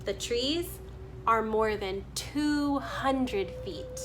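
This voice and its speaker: With a voice on the high side, a woman works through a children's picture book out loud and stops to toss in spontaneous remarks about the pictures. There's noise in the background.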